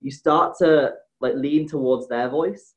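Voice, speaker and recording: A man's voice: on the high side, a little slow. A young man co-hosting a podcast, enthusiastic and trailing off as he talks. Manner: enthusiastic, trailing off mid-thought. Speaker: podcast co-host. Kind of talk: casual chat. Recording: dull lo-fi mic.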